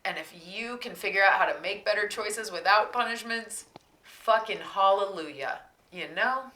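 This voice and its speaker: A woman's voice: mid-range voice, moderate pace, pushed and bright. Heartfelt mother in echoey room. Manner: heartfelt, tearful at times. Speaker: parent and co-host. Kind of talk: emotional family talk.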